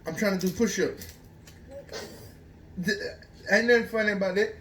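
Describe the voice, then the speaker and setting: A man's voice: sits high, normal speed, a bit bright, a little hiss or hum. An American man chatting casually to his child and dog at home, coaxing repeatedly in an exasperated way. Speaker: parent filming a home video. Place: indoors at home.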